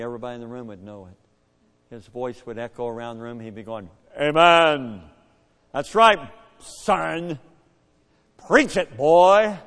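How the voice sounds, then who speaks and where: An older man, a pastor, preaching a story-driven sermon, shifting from hushed asides to booming bursts. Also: in a large hall. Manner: animated, swings from hushed to booming. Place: church.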